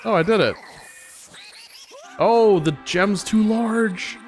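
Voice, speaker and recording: A woman's voice: mid-range voice, slow. A woman playing a video game and co-hosting with casual, reactive commentary. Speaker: gaming co-host and player. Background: game music.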